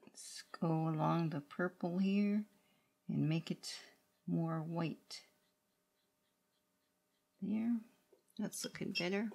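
A middle-aged woman gives a hands-on art tutorial at a very unhurried pace. Her voice is slightly low with plenty of vocal fry, and she talks in brief, scattered phrases while working. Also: darkish tone. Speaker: watercolor painting instructor. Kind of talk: unscripted step-by-step art tutorial. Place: indoor studio room at a worktable.

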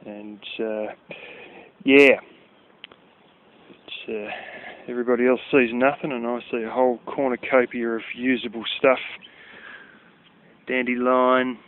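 Strolling beside a river, an Australian-accented vlogger offers loose walking commentary, talkative and blunt with casual swearing. He speaks unhurriedly at a medium pitch and level tone, pausing often. The tinny, phone-like outdoor audio carries slight background noise.

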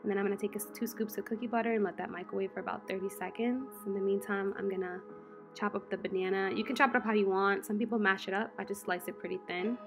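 A woman in her twenties, chatty and relaxed, walking through a meal prep in her home kitchen. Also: mid-range voice, quick pace, music in the background. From United States. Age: 20s. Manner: chatty, relaxed, lots of fillers. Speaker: lifestyle vlogger. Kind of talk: casual how-to vlog.

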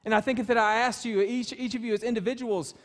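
A man in his thirties preaches a sermon as pastor on a small church stage with wood-panel walls. His voice is very high-pitched, steady in tone and quick, and he's passionate and emphatic, gesturing freely as he preaches.

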